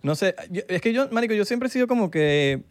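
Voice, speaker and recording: A young man with a Venezuelan Spanish accent co-hosts a casual podcast, acting out quoted dialogue in a slangy, laid-back style. His high-pitched voice is expressive and fairly quick, with a little hiss or hum on the recording.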